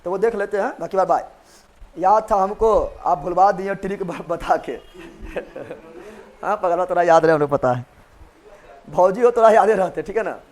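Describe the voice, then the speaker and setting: A man's voice sits high and sounds a little mellow as he teaches an online revision class live. He's unhurried and pauses often. As an exam coaching teacher, he jokes playfully, quizzes students with memory tricks, and repeats his questions to them.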